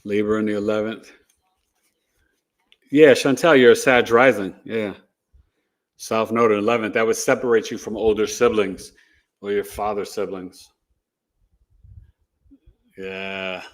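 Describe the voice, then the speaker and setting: A man hosting an astrology livestream, chatting casually and telling animated stories with frequent laughter. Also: on the low side, unhurried, pauses often. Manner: animated storyteller, laughs often.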